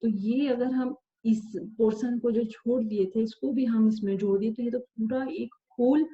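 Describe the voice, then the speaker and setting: Slow, patient woman teaching math. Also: a little high, lo-fi sound. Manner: patient, checks understanding with repeated questions; counts aloud slowly, repeats phrases. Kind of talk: slow step-by-step math lesson.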